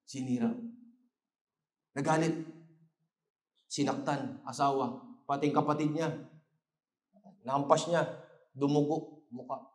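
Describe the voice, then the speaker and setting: A man preaching an Islamic lecture in a roomy, echoing space. His voice is mid-pitched, and he tells the story in surges, climbing to emphatic peaks and weaving in Arabic phrases. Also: fairly even intonation, measured pace, pauses often. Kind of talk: Islamic lecture after evening prayer.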